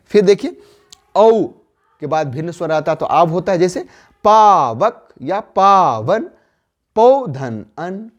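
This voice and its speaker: A man's voice: a little high, a little mellow. A man teaching a Hindi grammar lesson, drawing out each word part and putting questions to the class before answering them himself. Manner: slow, drawn-out spelling of word parts with rising questions; quizzes listeners then answers himself.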